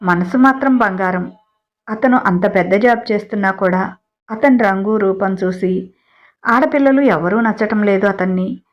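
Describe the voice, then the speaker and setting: A woman narrates a family story in a steady storytelling voice, turning now and then to chat with listeners. Her pitch sits mid-range for a woman. The home recording is lo-fi and dull. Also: normal speed. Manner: even, steady reading with chatty personal asides.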